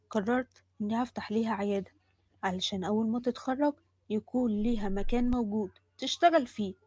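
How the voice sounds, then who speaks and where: A woman's voice: a little high, no room sound, clean studio sound, lightly acted. A woman playing a kindly Egyptian father. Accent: Egyptian Arabic. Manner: soft, kindly, reassuring. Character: gentle middle-aged father, a lawyer.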